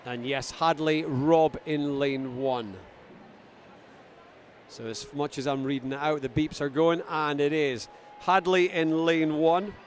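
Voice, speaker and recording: A Scottish man giving live sports commentary from ringside, getting excited as the action builds. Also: fairly high pitch, slow, slight background noise. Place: ringside at a busy event venue.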